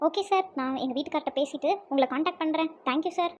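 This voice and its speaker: A woman's voice: high voice, fast talker, muffled recording, slight background noise, close to an everyday voice. A woman voicing a flustered, thrifty housewife in a cartoon, exclaiming and scolding.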